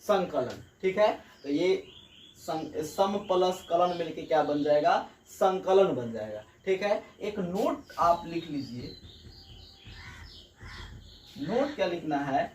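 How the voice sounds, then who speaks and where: A man's voice: on the high side, expressive, slow, a little mellow, slight background noise. A man teaching a grammar lesson at a whiteboard. He goes step by step, repeats key points and keeps asking the students check questions. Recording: echoey room, mic far off, birds outside.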